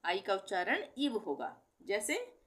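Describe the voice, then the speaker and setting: A woman's voice: medium pitch, wildly swooping pitch, takes it slowly, a bit bright. A middle-aged woman teaching a pronunciation lesson, patiently repeating example words and asking and answering her own questions. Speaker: language teacher. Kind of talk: explanatory lesson.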